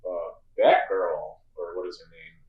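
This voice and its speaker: Lowish man chatting in an echoey room. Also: measured pace, phone-quality sound. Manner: animated, acts out gruff movie lines. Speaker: podcast co-host. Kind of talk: casual chat.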